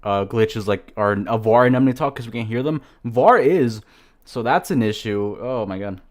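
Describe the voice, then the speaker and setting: A man hosting a casual livestream from a home setup, talking into a desk mic at an ordinary middle pitch. He is chatty and quick to apologize, laughing often as he talks with his guests. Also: expressive. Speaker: livestream host.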